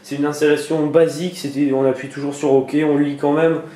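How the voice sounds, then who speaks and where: A man's voice: a little high, little pitch movement, fairly quick, mellow. Hesitant man in an echoey room. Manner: hesitant, many fillers and restarts. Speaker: tutorial maker. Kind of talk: screen-recorded computer tutorial. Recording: echoey room with faint noise.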